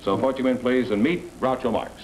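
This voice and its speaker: A man announcing on a quiz show in a smooth, formal delivery. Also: mid-range voice, a little fast, darkish tone. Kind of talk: broadcast announcing. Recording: noisy 1960 television broadcast recording.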